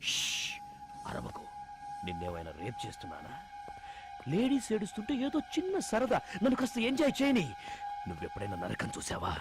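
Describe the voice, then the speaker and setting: A cruel, mocking kidnapper in a dramatic film. His high voice swings wildly from hissed whispers to shouts. A loud film score plays behind him. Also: wildly swooping pitch, brisk, loud music behind the voice, full character voice. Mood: taunting. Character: sadistic male kidnapper taunting a captive woman. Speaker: villain.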